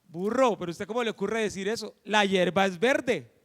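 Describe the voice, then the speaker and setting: A man's voice: sits high, moderate pace, a bit bright, in a large hall, voice pushed down. A man voicing a clever male tiger in a spoken fable, who scoffs in disbelief. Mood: scoffing. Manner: scoffing, incredulous.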